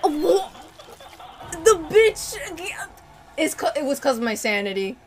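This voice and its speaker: A young woman livestreams a horror game in a high, very animated voice. She sounds scared and jumpy, exclaiming and swearing at a slow, drawn-out pace over music. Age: young adult. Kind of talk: live gameplay reaction commentary. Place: indoor room at a streaming setup.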